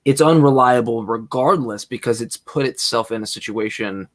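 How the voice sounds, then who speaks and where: A man co-hosting a casual podcast, reasoning out loud with hesitant restarts. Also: medium pitch, normal speed. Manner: thinks aloud, hesitant, many restarts and fillers. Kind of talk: casual debate podcast chat.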